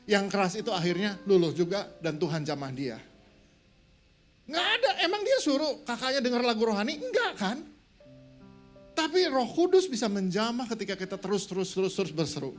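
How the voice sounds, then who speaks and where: A man preaching a sermon as pastor at a church service, emphatic and repeating words for stress. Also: sits high.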